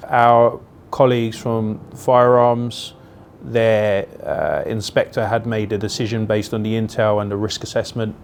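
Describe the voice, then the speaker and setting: A man's voice: lowish voice, a little mellow, slight background noise. A male police officer being interviewed for a documentary, recounting a call in a plain-spoken, reflective way.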